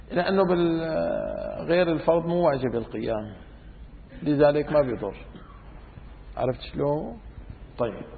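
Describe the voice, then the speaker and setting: A man teaching a religious lesson, lively and demonstrative with wry asides. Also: a little high, slight background noise. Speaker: teacher of Islamic law. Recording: tinny phone-like sound in echoey hall.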